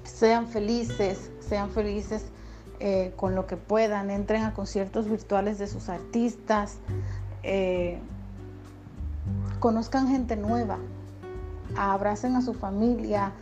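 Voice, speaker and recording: A woman's voice: medium pitch, steady tone, slow pace, long pauses, dark tone. Dominican woman podcaster over guitar music. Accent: Dominican Spanish, softened toward neutral. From Dominican Republic. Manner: encouraging, chatty, with frequent fillers. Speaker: podcast host and radio announcer. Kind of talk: casual motivational podcast talk.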